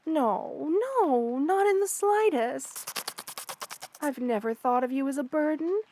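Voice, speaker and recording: Speaking with hesitant affection, a woman plays a gentle, protective spider queen in ASMR roleplay, addressing the listener soothingly and intimately in formal language, pausing hesitantly. Her voice is high with a darkish tone.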